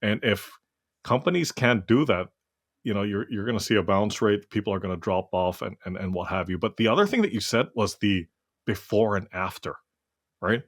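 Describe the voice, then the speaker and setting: A man hosts a relaxed interview with a fairly low voice. He thinks out loud about his guest's points. He keeps checking in with a quick 'right?'. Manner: reflective, keeps adding 'right?'. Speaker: interview host. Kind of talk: casual conversational interview.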